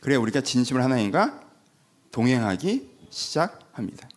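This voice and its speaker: A man's voice: mid-range voice, normal speed. A male pastor giving a Sunday sermon in a conversational way, often asking the congregation questions and acting out dialogue. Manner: animated, conversational, acts out quoted dialogue.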